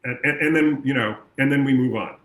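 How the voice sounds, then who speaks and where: Male coach, earnest, middle-pitched voice, roomy echo. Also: brisk, a bit bright. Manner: earnest, acts out clients' voices. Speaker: progress coach. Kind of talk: motivational talk to camera. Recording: echoey room.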